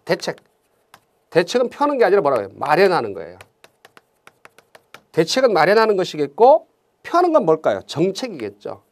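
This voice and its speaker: A man teaching exam Korean grammar in a lecture, often putting quick questions to his students. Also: sits high. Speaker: civil service exam Korean instructor.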